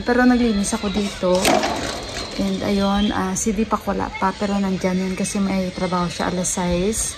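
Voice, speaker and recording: A woman chatting casually to her vlog viewers, calling them "guys" again and again. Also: medium pitch. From Western Visayas, Philippines. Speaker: vlogger. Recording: noisy background ambience.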